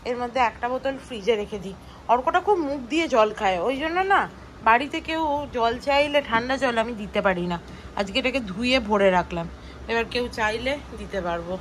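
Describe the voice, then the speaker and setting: A woman's voice: on the high side, background noise. Chatty woman vlogging her home chores. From West Bengal. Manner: chatty, talking to viewers while doing chores. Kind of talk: casual daily-life vlog narration. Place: home, indoors.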